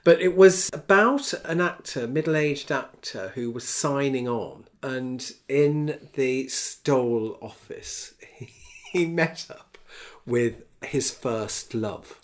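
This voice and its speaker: A man's voice: medium pitch, slow. A man in casual chat, telling stories from his past with dry, wry humour and laughs.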